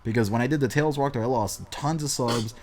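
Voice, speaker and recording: A young man hosting a casual podcast, talking fast and animated with plenty of swearing and banter. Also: medium pitch, over a noisy crowd. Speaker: podcast host.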